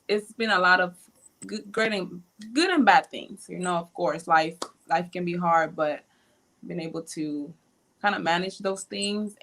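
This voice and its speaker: A woman's voice: lowish voice, a bit bright. A young woman from Honduras chatting casually as a livestream guest, storytelling with lots of fillers over an earphone mic on a video call. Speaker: guest blogger. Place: indoors at home.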